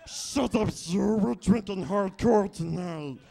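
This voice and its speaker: A man's voice: takes it slowly, creaky, dark tone, full character voice. A man doing a whiny, hissing creature that argues with itself in two voices, on a comedy club stage. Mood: gruff bullying. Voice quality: high strained whine. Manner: arguing with himself in two voices. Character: whiny split-personality creature, hissing and cringing.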